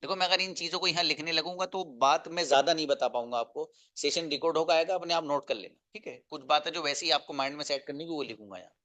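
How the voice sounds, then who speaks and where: A man teaching spoken English in an online class, drilling phrases slowly and asking students to repeat them. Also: on the high side, bright, forceful tone. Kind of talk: slow, explanatory online class.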